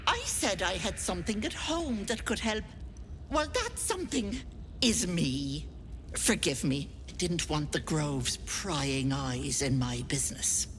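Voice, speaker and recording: A woman's voice: lowish voice, expressive, a little slow, slight background noise. A woman playing a doting, cloying old hag posing as a kindly auntie in a video game, folksy and bossy. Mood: cloyingly welcoming. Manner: folksy, cloying endearments, turning sternly bossy. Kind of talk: video game character acting.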